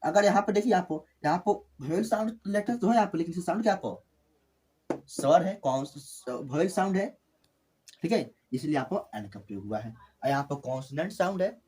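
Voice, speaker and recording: A man tutoring English grammar, his voice lively and swinging up and down as he stresses each example. His pitch sits a little high for a man. He repeats key words and talks to viewers as his friends. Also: fairly quick. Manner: repetitive, addresses viewers as friends. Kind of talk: classroom grammar lesson.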